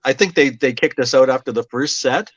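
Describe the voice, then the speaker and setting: A man's voice: mid-range voice, fairly quick, a bit bright, no room sound, highs cut off. Older man telling rambling anecdotes. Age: 60s. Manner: rambling anecdotes with restarts and chuckles. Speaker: interview guest, DJ. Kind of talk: casual storytelling interview.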